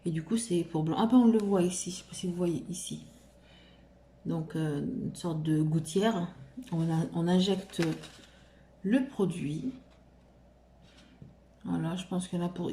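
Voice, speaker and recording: Mellow-voiced woman chatting in a roomy echo. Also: fairly low pitch, a little hiss or hum. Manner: hesitant, full of fillers and restarts. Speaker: vlogger showing shopping haul. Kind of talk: casual haul vlog chat. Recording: roomy echo, faint room ambience.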